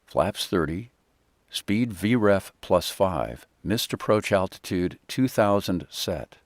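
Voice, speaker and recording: A man with a very low voice gives clipped pilot callouts. He is terse and procedural, leaving each phrase short and unhurried. The sound is dry and close, with very little room in it. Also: lively intonation, dry recording. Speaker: airline pilot. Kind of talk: clipped cockpit callouts and checklist calls.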